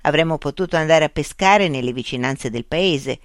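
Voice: medium pitch, no echo, studio quality, natural voice. Narrator voicing a cautious, questioning boy. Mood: curious. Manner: questioning, measured. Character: thoughtful young boy, cautious friend.

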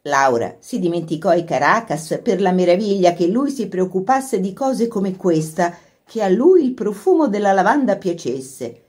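Woman narrating with a lively, expressive lilt. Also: mid-range voice, normal speed, breathy edge. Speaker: audiobook narrator. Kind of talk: literary audiobook reading.

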